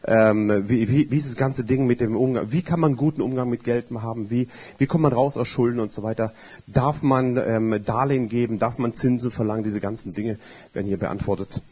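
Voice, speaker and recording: A middle-aged man preaching a sermon with emphasis, repeating key phrases and swinging between loud and quiet. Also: mid-range voice, fairly quick, breathy edge.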